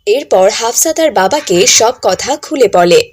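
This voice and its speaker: A woman narrating a cartoon story in a calm, scripted storytelling manner. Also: on the high side, moderate pace.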